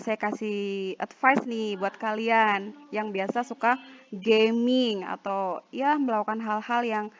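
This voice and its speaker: A woman with an Indonesian accent teaching an online English lesson, reading example sentences slowly and carefully. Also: a little high, fairly bright tone. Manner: slow, drawn-out example sentences. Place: at home. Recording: dull lo-fi home recording.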